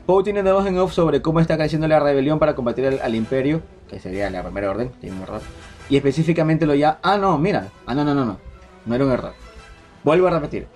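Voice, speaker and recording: A man, hosting a casual podcast chat, relaying leaked details in a quick, restarting way. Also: on the high side, lively intonation, darkish tone, faint music behind. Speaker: podcast host. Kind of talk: casual group chat about film rumors.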